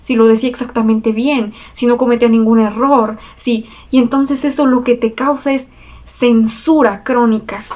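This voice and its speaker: On her astrology channel, a woman with a Mexican Spanish accent tells viewers a personal story, her on-the-high-side voice steady, a little mellow and at normal speed over lo-fi sound. Her telling is slangy, confessional and chatty, with frequent laughs and tag questions.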